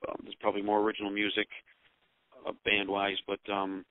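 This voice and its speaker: An American man speaking over the phone as a musician giving casual interview answers, rambling and pausing often. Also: fairly low pitch, monotone, no room sound. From Utica, New York, United States. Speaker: rock band musician and songwriter being interviewed. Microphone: telephone. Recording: dull, narrow-band phone line.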